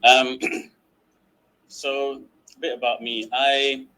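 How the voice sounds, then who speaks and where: A man's voice: mid-range voice, flat delivery, drawn-out words, bright, forceful tone, poor audio. A man presenting as a guest trading trainer on an online webinar, chatty with many fillers. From United Kingdom.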